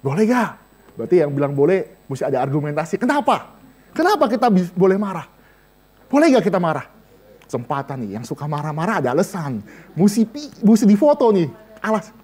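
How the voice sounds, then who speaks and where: A man preaching a lively Bible study sermon, joking and speaking straight to his listeners. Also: sits high, a little fast, slightly rough. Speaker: vicar preaching to a women's and seniors' Bible study.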